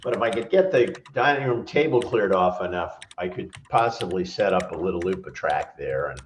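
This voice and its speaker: A man's voice: sits low, expressive, moderate pace, a little hiss or hum. A man in casual chat on a video call, rambling along in an easygoing, self-deprecating way. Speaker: regular panelist on a livestream. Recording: roomy, dull lo-fi call audio.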